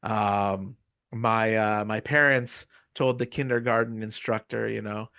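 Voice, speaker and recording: A gravelly, low-ish voice with a steady yet sharp tone comes from a middle-aged American lecturer with a Californian accent, speaking a little slowly. His university lecture is casual and conversational, often punctuated by "you know" and "right?" tag questions, recorded dry and lo-fi.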